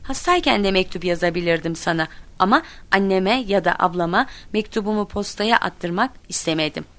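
A woman reading a children's story aloud, told as letters between friends, with lively voices for the people in it. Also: a little fast. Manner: lively, voices quoted children and teachers with raised pitch. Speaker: narrator reading a children's book.

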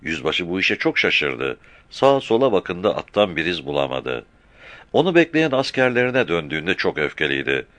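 A man reading a novel aloud, voicing every character's dialogue himself and raising his voice for the shouts. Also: low-pitched, sing-song, moderate pace, no room sound. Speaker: audiobook narrator. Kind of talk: scripted narration of a novel.

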